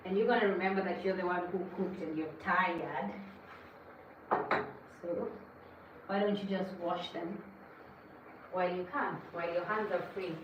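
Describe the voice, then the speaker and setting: A woman's voice: fairly low pitch, fairly even intonation, moderate pace, pauses often, dull audio. Woman, cooking stream host, casual and preachy, roomy kitchen sound with background noise. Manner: chatty, lecturing viewers. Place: home kitchen. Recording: echoey kitchen, mic at a distance.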